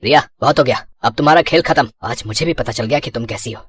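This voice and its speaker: A woman's voice: a bass voice, fast, breathy edge, dry recording, clean studio sound, voice pushed down. A woman voicing a stern, protective young adult son who scolds his wife in a storybook cartoon.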